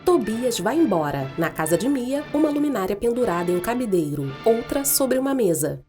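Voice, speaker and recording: A woman narrates scripted audio description. Her voice is fairly high with lively intonation, and soft music plays faintly behind her. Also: fairly quick.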